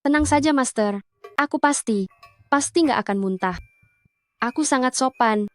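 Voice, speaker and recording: An actress playing a drunk, heartbroken, bossy young older sister who rambles and scolds in a drama. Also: female voice, high-pitched, moderate pace, no echo, soft background music, lightly acted.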